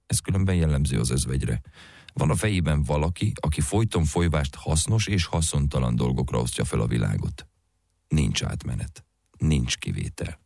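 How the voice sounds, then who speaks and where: A man reading literary fiction aloud in a measured, unhurried narration. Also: very deep voice, gravelly, darkish tone, no room sound, studio quality. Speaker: audiobook reader.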